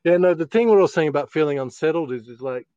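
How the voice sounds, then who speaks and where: A man's voice: fairly high pitch, lively intonation, fast, dull audio, noisy background. A middle-aged man with a broad Australian accent, telling rambling stories in casual, sweary, slang-filled chat.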